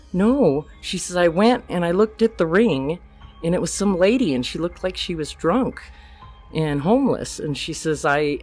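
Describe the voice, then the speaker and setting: An older woman, a grandmother, telling a true story as a podcast guest, plainly acting out the quoted lines. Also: fairly low pitch.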